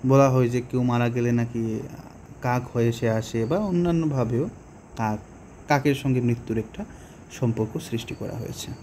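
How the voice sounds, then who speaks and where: A man with a Bengali accent explaining a poem to students, slowly and patiently, with pauses and rhetorical questions. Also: medium pitch, mellow, slight background noise. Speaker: teacher. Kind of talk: poetry lesson explanation.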